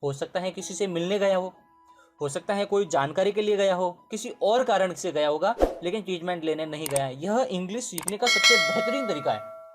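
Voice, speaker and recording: A man teaching English grammar in a casual spoken lesson, who repeats points, checks in with his listeners and corrects himself mid-sentence. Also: sits high.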